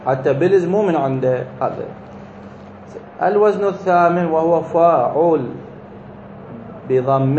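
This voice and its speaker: A man's voice: a little high, a little mellow, a little hiss or hum. A man teaching a grammar lesson, explaining step by step and asking and answering his own questions. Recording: echoey, slightly dull room recording.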